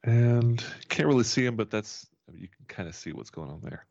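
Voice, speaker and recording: A man's voice: fairly low pitch, animated, normal speed, creaky, a little mellow, no room sound, highs cut off. A man running a tabletop game as game master, joking and laughing often as he narrates.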